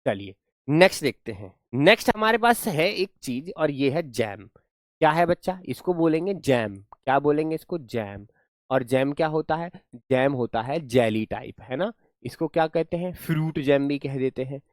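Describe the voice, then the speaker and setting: A man's voice: a little high, lively intonation, moderate pace, no echo, clean studio sound. A man teaching an online class, explaining words playfully, repeating his questions and praising his students.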